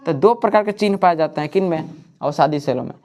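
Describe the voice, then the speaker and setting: A man's voice: fairly high pitch, fast talker, darkish tone. A man teaching in a coaching classroom. He keeps asking the class questions and answering them himself. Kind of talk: classroom lecture.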